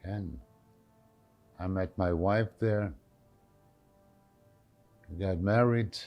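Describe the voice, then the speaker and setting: An old man with a Yiddish accent recalls his life at a slow pace in a lowish voice. He is plain-spoken, repeating short phrases and slipping Yiddish words into his answers. Faint music runs behind him. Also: highs cut off. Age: elderly. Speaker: Holocaust survivor giving testimony. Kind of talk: reminiscing in an interview.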